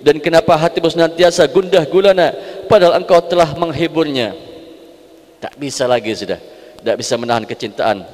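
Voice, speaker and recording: A man's voice: fairly high pitch, moderate pace, long pauses, a little mellow. A man preaching a sermon that explains devotional poetry, repeating phrases for emphasis and breaking into chanted Arabic verses. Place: large mosque hall. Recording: echoing mosque hall.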